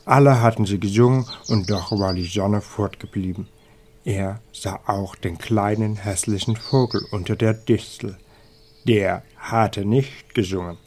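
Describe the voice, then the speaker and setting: Low-voiced man reading a fairy tale, slow and measured, faint hiss behind. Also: fairly even intonation, darkish tone. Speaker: storyteller. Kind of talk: storybook reading.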